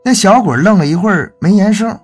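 A man narrating a folk ghost tale in a folksy, animated storytelling manner. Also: high-pitched, brisk, husky, soft background music.

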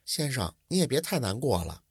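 A male storyteller voicing an anxious young female servant who speaks softly and pleadingly. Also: a little high, sing-song, brisk, husky, no echo, studio quality, heavily acted. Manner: soft, hushed, pleading.

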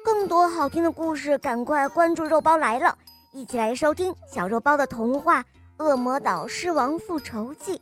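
A woman narrating a children's story in a gentle, expressive voice and speaking directly to young listeners. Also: high voice, normal speed, soft background music.

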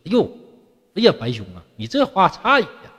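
A man's voice: high voice, huge pitch swings, a little fast, fairly bright tone, slightly rough, long reverb tail, exaggerated voice. A man voicing a carefree young male scholar who answers in easygoing, jokey colloquial retorts. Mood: fond.

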